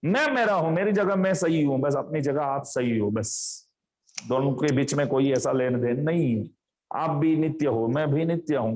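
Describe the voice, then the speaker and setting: Male spiritual speaker, fairly high voice, storytelling sermon that voices each character. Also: normal speed, a little mellow. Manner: acts out family members' quoted lines in a story. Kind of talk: devotional storytelling discourse.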